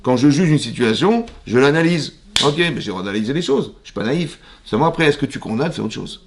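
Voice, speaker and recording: A man with a French accent, a rabbi teaching a Torah lesson in a synagogue, lively, asking the audience questions and acting out little dialogues. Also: medium pitch, fast talker, background noise.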